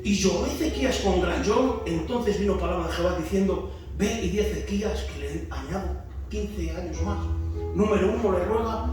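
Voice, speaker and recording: High-voiced Spanish preacher, echoey hall. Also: male voice. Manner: preaching with rhetorical questions, rising to shouts. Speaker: pastor teaching a discipleship class. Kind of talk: sermon. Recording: echoey church hall from far off, music behind.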